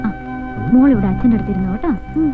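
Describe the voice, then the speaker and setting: A busy wife and mother hurries her husband along in a film comedy scene, played by a woman. Her voice is high and quick, with lively swings. The sound is dull, with clear music underneath. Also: natural voice. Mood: brisk. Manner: brisk, nagging replies. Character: busy young wife and mother, brisk and scolding. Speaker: housewife and mother.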